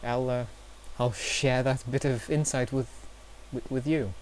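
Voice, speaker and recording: A man's voice: medium pitch, steady tone, a little slow, darkish tone, a little hiss or hum. A young man vlogging in a casual, self-deprecating way, telling awkward stories with nervous fillers. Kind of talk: casual storytelling vlog.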